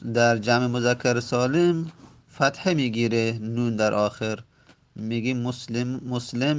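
A man teaching Arabic grammar in a lesson. He recites the rule text, then explains it step by step and drags out each example word. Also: medium pitch.

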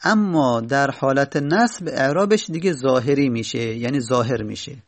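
A man teaching Arabic grammar, explaining each point patiently and repeating key phrases slowly. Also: mid-range voice, animated, dry recording.

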